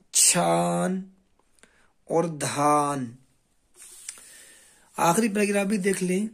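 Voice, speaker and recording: A man's voice: high-pitched, a little mellow. A man teaching a beginner reading lesson, sounding out words one by one. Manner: slow, drawn-out word-by-word reading drills. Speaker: Urdu teacher.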